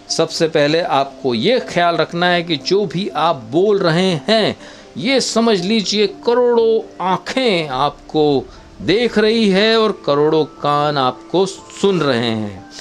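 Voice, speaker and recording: A man giving viewers step-by-step acting advice in an unhurried, instructive way, often calling them friends. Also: on the high side. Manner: demonstrates dialect voices in short quotes. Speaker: travel vlogger giving acting tips.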